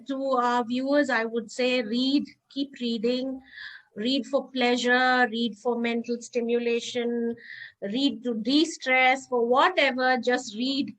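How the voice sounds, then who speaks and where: Indian woman podcast host, higher voice. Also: fairly even intonation, slow, fairly bright tone, poor audio. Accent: Indian English. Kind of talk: casual interview wrap-up.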